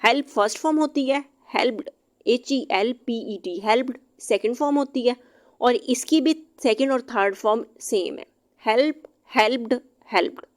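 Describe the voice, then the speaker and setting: A woman teaching English vocabulary, reading each English example slowly and then explaining it briskly, sometimes spelling words out letter by letter. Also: on the high side. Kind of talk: vocabulary lesson explained in Hindi-Urdu.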